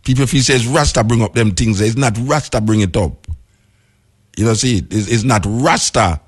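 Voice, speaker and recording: Low-pitched Jamaican man in Rasta speech. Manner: emphatic, repeats key phrases for clarity. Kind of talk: explanatory talk in Rasta speech.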